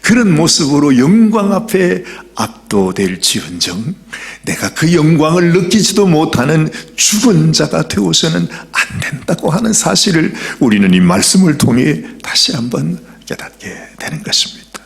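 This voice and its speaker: Middle-aged man, pastor, gravelly voice, lively pitch, dramatic sermon delivery with sudden whispers. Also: normal speed. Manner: dramatic preaching, swinging between loud calls and soft whispers.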